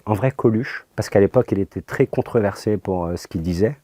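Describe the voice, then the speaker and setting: A man's voice: fairly low pitch, fairly quick, warm tone, breathy edge. A young man with a French accent answering interview questions as a comedian, laid-back and hesitant, with many fillers.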